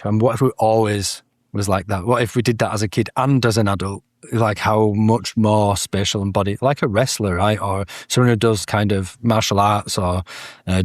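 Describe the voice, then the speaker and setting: A man's voice: lowish voice, no room sound, studio quality. A man as a guest in a casual spiritual conversation, speaking thoughtfully with many "um"s and self-corrections. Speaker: podcast guest.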